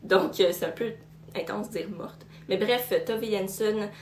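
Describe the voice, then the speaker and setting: Young woman, Québécois accent, casual book vlogger; rambling, self-correcting delivery, mid pitch, roomy echo. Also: a little slow, a little hiss or hum. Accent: Québécois French. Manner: chatty, many fillers and self-corrections. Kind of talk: casual book haul chat.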